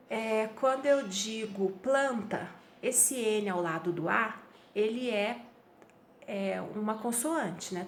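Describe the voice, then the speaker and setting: A woman's voice: on the high side, slight background noise. A Brazilian woman teaching a Portuguese grammar review class, explaining patiently and checking in with her students often.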